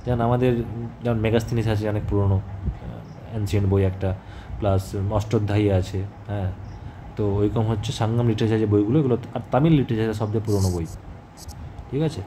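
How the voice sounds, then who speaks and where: A man teaching an exam-prep history lesson in a conversational way, often pausing to check that students follow. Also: on the low side, fairly even intonation, noisy background. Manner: conversational, repeats "ঠিক আছে?" as a check-in, many fillers.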